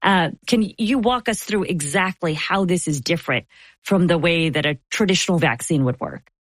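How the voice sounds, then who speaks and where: A woman host asking measured interview questions. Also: on the low side, dry recording, clean studio sound. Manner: measured, with brief affirmations.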